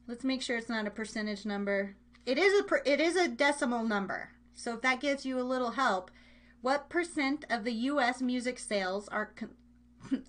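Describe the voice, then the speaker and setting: A woman with a fairly high, slightly bright voice hosts a live internet radio show, chatting casually and playfully as she rambles and repeats her phrases while running games.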